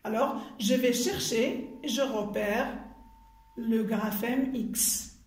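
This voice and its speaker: Woman, primary school teacher, phonics lesson, repeats each syllable, very slow, echoey room. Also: fairly high pitch, fairly even intonation. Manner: slow, careful, spells out and repeats sounds and syllables.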